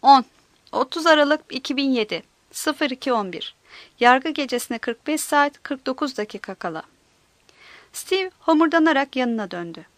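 A woman narrating an audiobook in a steady, measured storytelling manner. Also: high voice, no echo.

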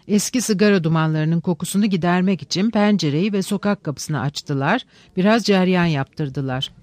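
Measured literary narrator, dry sound. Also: mid-range voice, darkish tone, no echo.

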